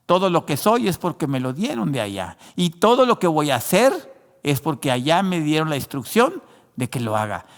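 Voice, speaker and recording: In a big-sounding room, a male pastor who learned Spanish later in life preaches, addressing the congregation as "hermano." His fairly high voice swings hugely in pitch at a moderate pace, full of fillers and restarts.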